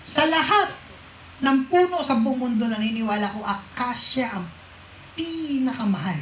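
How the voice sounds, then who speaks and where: Woman preacher, high bright voice, keeps quizzing the congregation, roomy echoey church hall. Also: animated, normal speed, a little hiss or hum. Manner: questions the congregation, mixes English into Filipino. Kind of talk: sermon.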